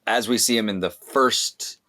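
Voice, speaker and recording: Deep-voiced man in casual film chat. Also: a little slow, bright, forceful tone, a little hiss or hum. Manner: laid-back, many murmured agreements. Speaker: podcast co-host.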